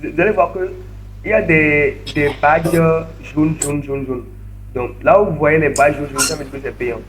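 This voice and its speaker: A man's voice: on the high side, normal speed, a bit bright, slight background noise. A man leading an online training session, narrating each click step by step and often repeating words over a video call. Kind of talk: screen-share tutorial.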